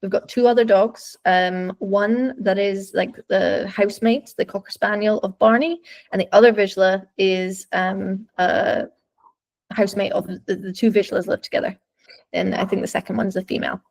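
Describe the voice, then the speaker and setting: Gravelly-voiced woman explaining dog behavior. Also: medium pitch, fairly even intonation, normal speed, darkish tone. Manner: explanatory, thoughtful, searching for words. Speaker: dog trainer. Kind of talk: webinar commentary over videos.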